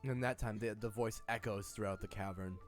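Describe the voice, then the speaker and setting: A man's voice: on the low side, steady tone, fairly quick, soft background music. A man narrating a tabletop role-playing game as game master in a conversational way.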